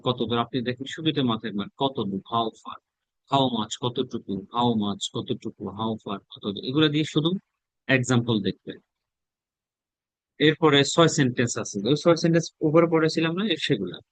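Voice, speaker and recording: Male English teacher from Bangladesh, mid pitch, dry close sound, drills question sentences slowly then translates. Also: no echo, low-quality recording. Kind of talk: spoken English lesson.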